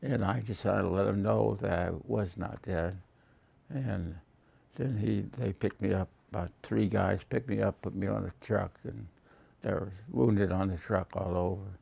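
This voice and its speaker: An elderly American man, a war veteran, remembering his service aloud in halting, plainspoken, unscripted recollection. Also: fairly low pitch, fairly even intonation, gravelly, breathy edge, dull audio. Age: elderly, late 80s or older.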